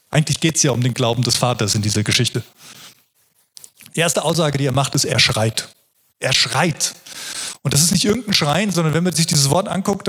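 Earnest husky-voiced male preacher. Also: medium pitch, a bit bright. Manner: earnest, reflective, with frequent restarts. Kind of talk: sermon.

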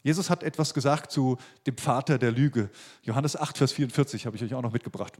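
A man's voice: medium pitch, brisk, darkish tone. A man preaching a sermon as pastor, emphatic and repeating his key phrases.

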